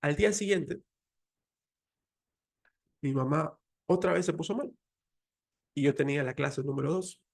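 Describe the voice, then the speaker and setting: A man's voice: a little high, a little slow, vocal fry, pauses often, darkish tone. A man with a Mexican Spanish accent giving an emotional, earnest faith talk, telling a personal story. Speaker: faith speaker.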